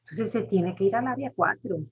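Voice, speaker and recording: Husky, low-pitched woman lecturing; she explains step by step and quizzes the class. Dull recording. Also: a little fast. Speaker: teacher. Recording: muffled lo-fi recording.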